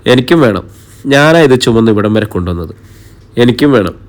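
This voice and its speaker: A man's voice: mid-range voice, animated, moderate pace, lightly acted. A man reading the part of a playful, bossy youngest sister in an audio story. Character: lively teasing young woman, youngest sister.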